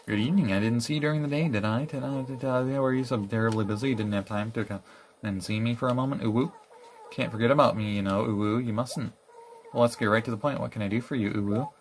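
A man's voice: mid-range voice, quick pace, a little hiss or hum, lightly acted. A man reading a smug, wheedling animal villager. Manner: smug and wheedling, catchphrase ooh woo. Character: smug, self-admiring animal villager in a game.

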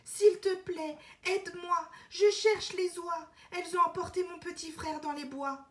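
A woman voicing a desperate little girl in a storybook, pleading in a high urgent voice. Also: steady tone, a little slow.

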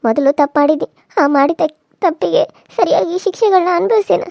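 A woman's voice: very high voice, fairly quick, creaky, warm tone, dry recording, studio quality. A woman voicing a terrified pleading village woman. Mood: praying. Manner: pleading, tearful. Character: frightened pleading village woman begging for life. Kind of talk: cartoon serial dubbing.

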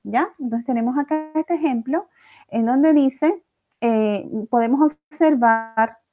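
A woman's voice: high-pitched, slow pace, mellow, faint music behind. A woman teacher explains a lesson step by step, often checking in with the class. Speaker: language teacher. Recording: dull lo-fi recording.

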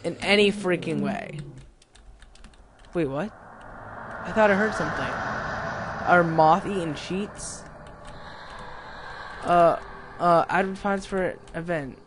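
A young man with a high, light voice talks through a horror game, reading its text aloud at an unhurried pace. He jumps, yelps and curses when scared. A steady hiss of noise sits under his voice. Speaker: gameplay commentator.

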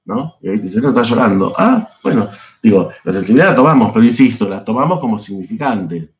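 A man's voice: on the low side, very animated, fast talker, darkish tone. Argentine man lecturing over dull online audio. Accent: Argentine Spanish. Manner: discursive, peppered with checking questions. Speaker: psychoanalysis lecturer. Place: home, online class.

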